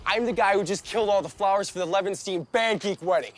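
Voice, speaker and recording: A man's voice: sits high, quick pace, natural voice. An actor playing a crude, cocky young American man in a raunchy film comedy, foul-mouthed, taunting and swaggering. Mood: bossy. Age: 20s. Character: crude, brash, cocky young male party loudmouth. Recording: film soundtrack with music behind.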